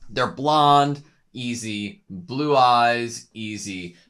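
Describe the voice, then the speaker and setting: A man's voice: medium pitch, drawn-out words, a bit bright. A man co-hosting a casual anime reaction chat, joking and rambling as he thinks aloud.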